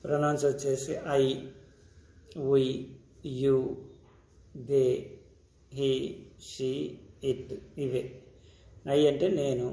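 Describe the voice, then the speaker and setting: A man's voice: medium pitch, warm tone, echoey room. A man with a Telugu accent teaching English grammar step by step, checking in with his students as he goes. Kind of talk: classroom-style grammar lesson.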